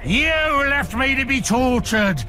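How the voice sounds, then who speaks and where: Cold, high, sharp fanatical orc. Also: male voice, lively intonation, slow, full character voice. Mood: cold fanatic menace. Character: fanatical tortured male orc, cold servant of evil.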